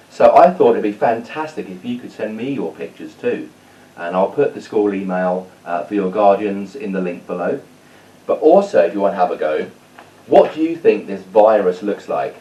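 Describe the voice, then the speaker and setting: Reading a story aloud to children, this teacher has a lowish, warm voice with lively intonation and speaks at normal speed. He addresses the pupils informally and encouragingly, though the audio is dull and picked up from a distance.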